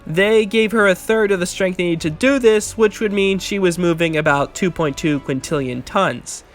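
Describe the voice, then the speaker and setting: A man with a high-set voice reads a scripted rebuttal. He sounds argumentative and matter-of-fact as he corrects claims, with some music underneath. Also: moderate pace. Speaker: video essayist and commentator.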